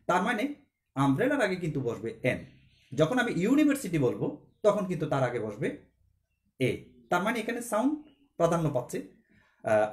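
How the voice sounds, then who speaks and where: A man's voice: a little high, darkish tone, reverberant. A man teaching English grammar to a class, explaining step by step and asking questions before answering them himself.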